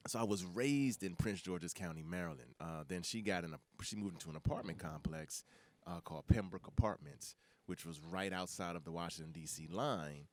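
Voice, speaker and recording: A middle-aged man from the Bahamas, a comedian guest telling stories in an animated, chuckly way with lots of loose fillers. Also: sits low, fairly quick. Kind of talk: casual interview chat.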